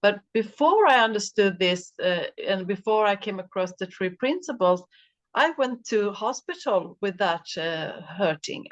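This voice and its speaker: A woman with a Swedish accent speaking English as a second language, a podcast host sharing her experience hesitantly, searching for words with many restarts. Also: mid-range voice. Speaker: podcast host, mental coach. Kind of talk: casual chat.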